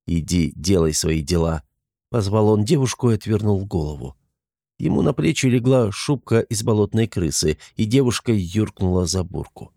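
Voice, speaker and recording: Low-voiced man narrating an audiobook. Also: lively intonation, moderate pace, vocal fry, warm tone, husky, no echo, studio quality.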